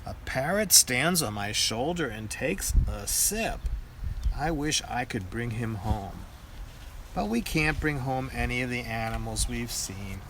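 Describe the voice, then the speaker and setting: Older man, grandpa voice, unhurried pace, children's book read-aloud, faint background noise. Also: mid-range voice, expressive. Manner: grandpa voice, deliberate storytelling. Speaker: storybook reader, grandfather.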